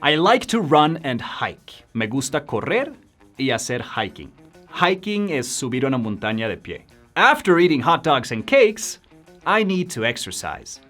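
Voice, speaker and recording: A man teaching a beginner English lesson, slowing down to model the English words clearly. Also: mid-range voice, faint music behind. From Sweden. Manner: lively, encouraging, slows down to model English words. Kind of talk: language lesson.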